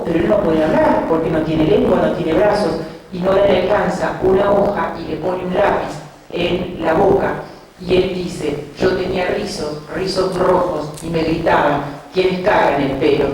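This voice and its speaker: A woman giving a talk, retelling children's picture books in an unhurried storytelling way with small hesitations. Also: fairly low pitch. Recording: very echoey room, distant mic, background noise.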